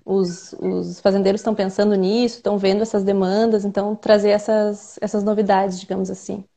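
A young adult woman with a Brazilian Portuguese accent, a researcher and translator, explains her work at length in a casual interview. Her mid-range voice is level, brisk, and mellow with vocal fry, and she comes across as thoughtful, using many fillers.

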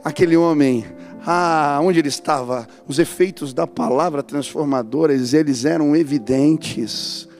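Fervent Brazilian pastor preaching. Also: male voice, a little high, a little slow, faint music behind. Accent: Brazilian Portuguese. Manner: dynamic preaching, swinging from hushed to loud and fervent. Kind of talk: sermon.

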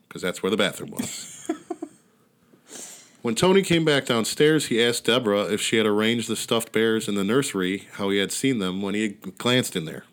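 A man's voice: fairly low pitch, fairly bright tone. A man hosting a podcast, casually retelling a story in a wry, laid-back way with casual swearing. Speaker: podcast host. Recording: outdoor neighborhood ambience behind.

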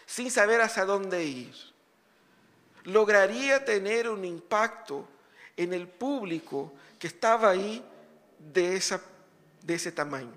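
A male pastor with a fairly high voice preaches in a church hall. He talks conversationally, tossing out rhetorical questions and relaxed asides. The sound carries a long, lingering hall reverb. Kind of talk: sermon.

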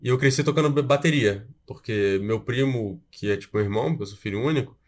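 Quick-talking young Brazilian Portuguese man. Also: mid-range voice. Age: young adult. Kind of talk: casual chat among friends.

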